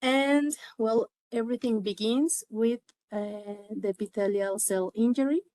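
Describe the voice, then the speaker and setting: A woman with a Mexican accent, a native Spanish speaker, presents academic material at a slow pace. She is halting, often pausing partway through a sentence. The sound is dry, with very little room around her voice. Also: on the high side, dark tone, no room sound. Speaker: conference presenter, medical researcher.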